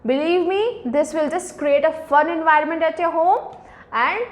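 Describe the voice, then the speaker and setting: A woman with an Indian accent giving a hands-on tutorial for parents, animated, asking and answering her own questions. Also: very high-pitched, normal speed. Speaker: teacher.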